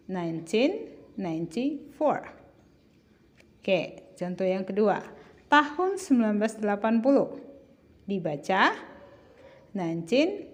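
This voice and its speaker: A woman tutors children in a measured, unhurried voice. She speaks slowly at a middling pitch. She keeps asking her class questions and then answers them gently herself. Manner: patient, addresses pupils as children, asks and answers own questions. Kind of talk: slow classroom explanation.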